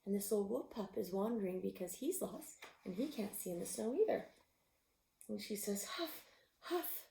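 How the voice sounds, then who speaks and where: A woman reading a picture book aloud, expressive, sometimes dropping to a whisper. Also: medium pitch, normal speed, gravelly, a little hiss or hum. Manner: expressive, with gasps and animal sounds; drops to a whisper at tense moments. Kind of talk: storybook read-aloud. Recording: roomy echo.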